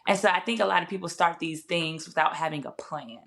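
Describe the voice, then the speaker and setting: A woman with a low-pitched voice speaks as a podcast guest. Her delivery is casual and conversational, like someone recounting her own path, and she corrects herself and quotes her thoughts as she goes. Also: brisk, vocal fry, a bit bright. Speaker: podcast guest, fashion brand founder. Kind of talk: casual interview storytelling.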